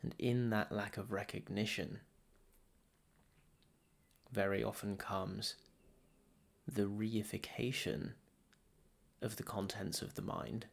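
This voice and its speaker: Leading a guided meditation, this male teacher speaks calmly and with care, using brief phrases and lengthy silences. His pitch is fairly low, his tone steady, with some vocal fry.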